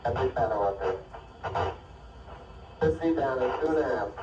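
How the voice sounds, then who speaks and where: A man's voice: medium pitch, expressive, moderate pace, darkish tone, distant mic, faint music behind. A man making clipped technical callouts over an archival space radio transmission. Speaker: spaceflight crew and mission radio operator. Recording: archival space radio, muffled, echoey, noisy.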